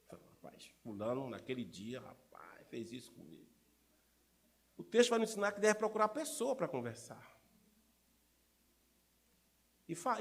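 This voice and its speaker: A middle-aged man preaching a sermon as pastor, animated and full of rhetorical questions to the congregation. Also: sits high. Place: church.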